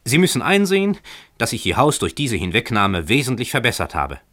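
A man voicing a poor tenant who talks calmly and wryly, defending himself with mock-earnest reasoning in a radio story reading. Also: medium pitch, a little fast, pitched above the performer's own voice. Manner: calm, wry, overly reasonable.

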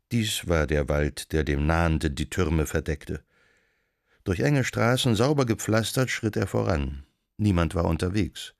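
Very deep, gravelly male narrator. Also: no room sound, studio quality. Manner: measured, even storytelling. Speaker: audiobook reader. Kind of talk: scripted narration.

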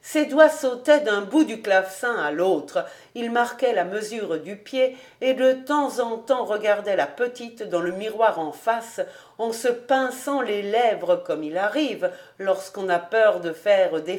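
A woman reading a classic novel aloud as a volunteer audiobook narrator, in a calm, even storytelling manner. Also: medium pitch, slow. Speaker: audiobook reader.

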